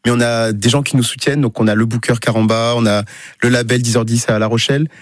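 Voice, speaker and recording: A man's voice: mid-range voice, steady tone, quick pace, no room sound, studio quality. A man speaking informally and enthusiastically as a musician in a casual radio interview. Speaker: band musician, interview guest.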